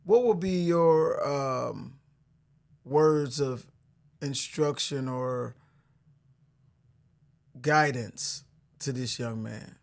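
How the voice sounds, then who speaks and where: A man hosting a podcast interview, asking questions in a casual way and often halting to repeat words as he goes. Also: medium pitch, creaky. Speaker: podcast host.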